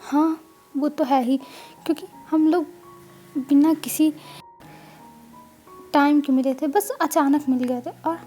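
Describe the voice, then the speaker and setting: A woman voicing a gentle, affectionate young man. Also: sits high, fairly even intonation, slow pace, pauses often, faint music behind. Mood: tender.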